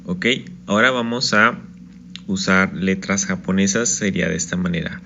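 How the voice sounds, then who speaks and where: A man's voice: sits low, moderate pace, creaky, sharp tone, muffled recording, a little hiss or hum. A man teaching an online Japanese lesson, patiently explaining step by step and often checking in with "ok?".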